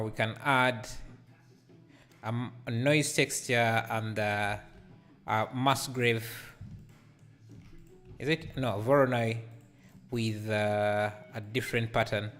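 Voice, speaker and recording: A man in his thirties speaks slowly and hesitantly, thinking aloud as he works through a live 3D tutorial. His pitch sits in a middle range, and he talks over a headset mic with faint music playing behind him. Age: 30s. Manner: hesitant, many fillers, thinking aloud while working. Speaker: livestreaming 3D artist. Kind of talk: casual live tutorial, reading chat aloud. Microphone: headset microphone.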